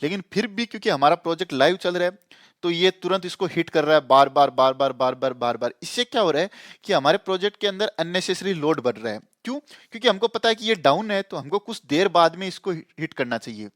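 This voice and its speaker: A programming tutor talks through a lesson casually, repeating points and frequently checking that listeners are keeping up. His voice is fairly high, expressive, and fairly bright, and he talks fast. The sound is dry and clean, like a studio.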